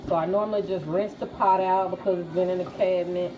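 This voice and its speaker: A woman's voice: fairly low pitch, fairly even intonation, fast talker, heavy background noise. A woman chatting casually and folksily to her viewers in a home vlog. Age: adult, mother of children. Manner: folksy, addresses viewers as y'all and guys. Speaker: family vlogger. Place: at home, indoors.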